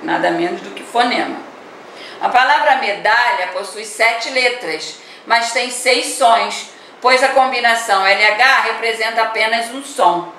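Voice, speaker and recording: A woman's voice: mid-range voice, a bit bright, slight background noise. A woman teaching a primary school reading lesson, patiently explaining and often checking in with the children. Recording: echoey room, mic far off.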